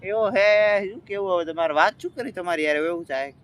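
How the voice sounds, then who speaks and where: A man's voice: sits high, fairly quick, fairly bright tone. A young man vlogging outdoors on a walk, chatting and teasing a friend, filmed on a phone. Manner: chatty, teasing, addresses viewers directly. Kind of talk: casual walking vlog. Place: outdoors by a riverfront. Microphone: phone held by a friend.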